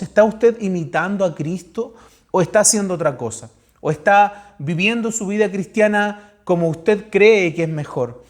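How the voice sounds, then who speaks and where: Chilean male pastor, fairly high voice, earnest sermon delivery, direct questions to the flock.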